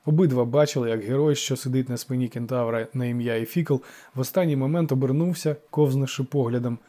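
A man narrating an audiobook with lively storytelling. His tone is dark and mellow, at a middle pitch. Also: fast talker.

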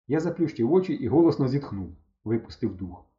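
Lively man telling a storybook tale. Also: mid-range voice, fairly quick. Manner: lively, mock-dramatic first-person telling. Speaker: audiobook narrator. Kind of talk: expressive storybook narration. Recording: dull lo-fi recording.

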